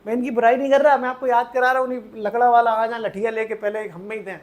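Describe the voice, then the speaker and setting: A man teaching an online exam-prep lecture. He talks in a playful storytelling way, uses memory tricks, keeps checking whether the class is following, and swings between loud emphasis and quiet asides. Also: extremely high pitch, steady tone, quick pace.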